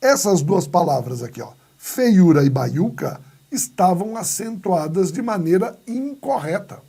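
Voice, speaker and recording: High and sing-song, yet gravelly and warm with a breathy edge, this Brazilian man's voice moves at a measured pace. Speaking with a Brazilian Portuguese accent, he teaches grammar in a recorded video lesson full of playful asides, little acted-out skits, and questions he answers himself.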